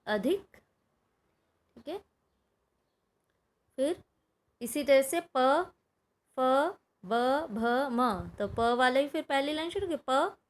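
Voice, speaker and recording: A woman teaching a grammar lesson to students, slowly repeating terms and asking and answering her own questions. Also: fairly high pitch, a bit bright. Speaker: Hindi teacher. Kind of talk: explaining a grammar exercise to students.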